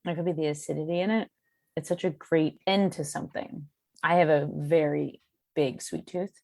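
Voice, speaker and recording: Low-voiced chatty woman. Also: steady tone, creaky, warm tone, no room sound. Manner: chatty, self-deprecating, halting restarts. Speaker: guest, cartoonist and beer educator. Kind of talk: casual podcast chat.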